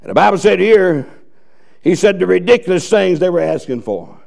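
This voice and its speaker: A male pastor preaching a fiery, folksy sermon that rises to shouted peaks. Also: high-pitched, lively intonation, brisk, creaky.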